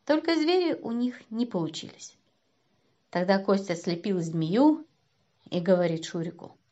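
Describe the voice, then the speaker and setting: Expressive woman reading a children's story. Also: mid-range voice. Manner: expressive, shifting between loud and hushed. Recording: dull lo-fi recording.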